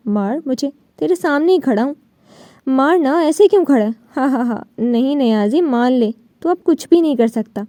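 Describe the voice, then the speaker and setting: Brief: woman narrator voicing a sneering vengeful young man, audiobook, high pitch. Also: warm tone, no room sound, clean studio sound, lightly acted. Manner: menacing, sneering. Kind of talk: audiobook novel reading.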